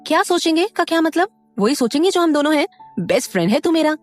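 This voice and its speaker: A woman's voice: high voice, very animated, fast talker, faint music behind, pitched above the performer's own voice. A woman voicing a cheeky, brash young female student in an audio story.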